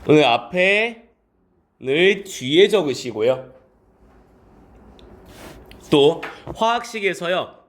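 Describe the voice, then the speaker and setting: A male science teacher giving a classroom lecture, calling on students by name and answering his own quick questions in polite speech mixed with casual talk. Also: sits high, a bit bright.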